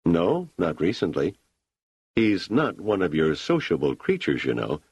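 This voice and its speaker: A man's voice: low voice, wildly swooping pitch, unhurried, a little mellow, husky, dry recording, pitched below the performer's own voice, full character voice. A man reading an audiobook, voicing a skeptical grown son who talks bluntly with dry sarcasm. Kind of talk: audiobook character voice.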